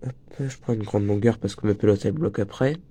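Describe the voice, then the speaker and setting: A teenage boy teaches crochet in a loose, chatty way, joking around and straying off topic. He talks fast in a fairly low, dark voice with a breathy edge, and his breaking voice shows a slight cold.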